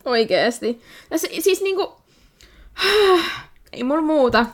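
A woman with a somewhat higher voice co-hosts a casual podcast. She chimes in dryly, agreeing and sighing along with her partner. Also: expressive. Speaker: podcast co-host. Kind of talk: casual chat.

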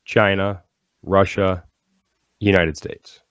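Very deep male quizmaster, measured delivery, dry recording. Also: clean tone, no room sound. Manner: steady, reads questions slowly and deliberately. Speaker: podcast co-host running trivia. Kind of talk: casual chat, quiz hosting.

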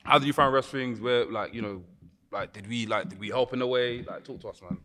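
A man with a London roadman accent and heavy urban street slang hosts a podcast, casually hyping up and introducing his guests. His mid-range voice runs a little fast. The sound is big-roomed, with a noisy background.

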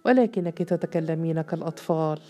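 A grave male judge handing down firm orders, as a woman narrator reads him. The delivery is low and mellow, with faint music in the background. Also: a little fast, natural voice. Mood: stern. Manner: firm, commanding.

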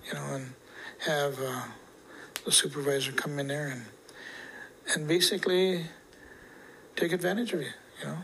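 A man in his sixties giving interview testimony as a residential school survivor, speaking haltingly and searching for words. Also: a little high, fairly even intonation, vocal fry, fairly bright tone, slight background noise, poor audio. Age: 60s.

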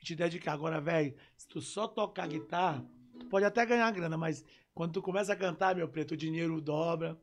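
A man, a musician guest telling lively anecdotes on a casual podcast, punctuating them with sound effects. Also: on the high side, brisk.

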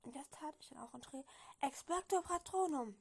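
Woman, high-pitched, creaky, slight cold, casual reading aloud, stumbling, giggly. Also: fairly even intonation, quick pace, a little mellow. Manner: stumbling, giggly, self-correcting. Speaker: reader.

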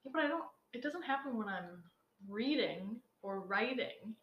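A woman's voice: fairly high pitch, lively intonation, normal speed, echoey room, muffled recording. A woman co-hosting a casual podcast, joking and irreverent, from Canada. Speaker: podcast co-host. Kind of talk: casual chat.

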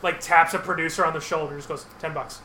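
A man's voice: fairly high pitch, fairly even intonation, rapid-fire, sharp tone, a little hiss or hum. A man co-hosting a podcast, chatting casually and rambling with lots of fillers. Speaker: podcast co-host. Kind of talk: casual chat recapping a TV show.

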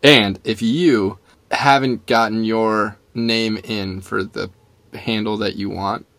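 Lower-voiced joking man co-host. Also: fairly even intonation, takes it slowly, a bit bright, no room sound. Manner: joking, teasing. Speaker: podcast co-host. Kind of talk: casual chat.

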